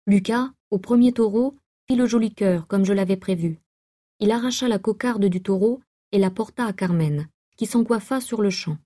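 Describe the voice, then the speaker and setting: Brief: female audiobook narrator, measured reading, very dark mellow tone. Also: medium pitch. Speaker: audiobook reader.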